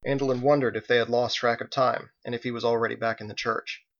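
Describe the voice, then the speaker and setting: A man narrating an audiobook in a measured, even reading. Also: mid-range voice. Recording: dull, slightly lo-fi recording.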